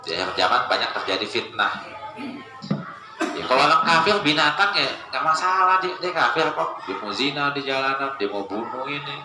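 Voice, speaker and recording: A man giving a casual religious study lecture, joking and animated, mimicking voices as he quotes people. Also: medium pitch, brisk, over music. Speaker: Islamic preacher. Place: lecture space with a live gathering. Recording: echoey room with ambient noise.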